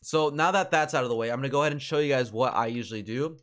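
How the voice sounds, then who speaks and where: A man's voice: medium pitch, very fast. Chatty young man hosting a game tutorial. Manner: energetic, chatty, many fillers. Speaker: gaming YouTuber. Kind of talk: casual gameplay tutorial commentary.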